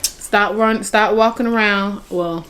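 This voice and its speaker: A woman's voice: mid-range voice, steady tone, slow, fairly bright tone, slight background noise, rough recording. Blunt, dry-voiced woman co-host. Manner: dry, blunt replies, reads sponsor plugs. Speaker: podcast co-host. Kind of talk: casual chat.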